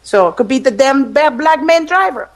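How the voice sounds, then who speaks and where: A woman's voice: high-pitched, animated, moderate pace. A woman on an internet radio panel, talking bluntly and emphatically, with casual swearing.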